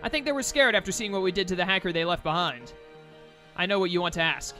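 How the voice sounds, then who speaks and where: An earnest, grateful fox creature from a video game, read aloud by a man, speaks sincerely in a high, bright voice. The delivery is measured, with music faintly behind it.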